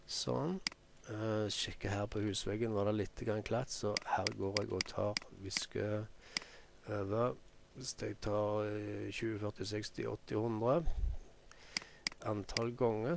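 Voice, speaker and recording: A man with a Norwegian accent giving an unhurried software tutorial, thinking aloud with many ums as he works. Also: on the low side, creaky, noisy background. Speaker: photo editing tutor. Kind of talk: screen-recorded software tutorial.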